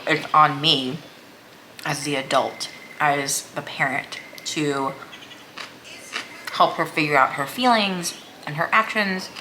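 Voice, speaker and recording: A woman's voice: sits low, noisy background. A woman chats casually over a meal, rambling hesitantly and leaning on "like" as a filler. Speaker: vlogger. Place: small room at home, indoors.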